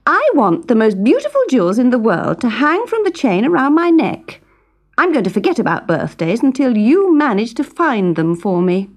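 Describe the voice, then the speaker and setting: A woman voicing a spoiled young princess who speaks in a high, petulant, sulky way, reading a storybook. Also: big pitch swings, normal speed. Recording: music playing behind.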